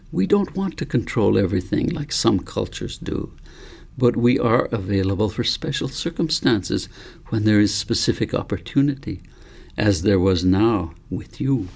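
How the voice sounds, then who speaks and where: With a lowish voice and some vocal fry, a man reads a storybook as a wise old grandfather. He's calm and patient, explaining things in a measured, philosophical way.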